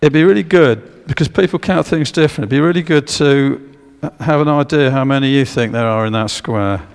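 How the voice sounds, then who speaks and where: Speaking at a middling pitch with a gravelly, creaky edge, a man gives a public history lecture with slides inside a church. He stalls on fillers, restarts sentences, and asks listeners for guesses, while the church hall's long echo trails behind him.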